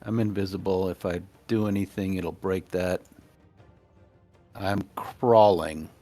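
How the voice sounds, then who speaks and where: A deep-voiced man narrates his character's moves in a tabletop role-playing game. He speaks slowly and deliberately, with faint music underneath. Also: steady tone, mellow.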